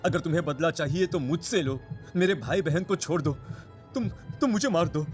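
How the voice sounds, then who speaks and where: A man plays an earnest village man in a horror cartoon, pleading in a fairly high voice. Faint music sits behind him. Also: moderate pace, lightly acted. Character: worried village father, pleading. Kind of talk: cartoon voice acting.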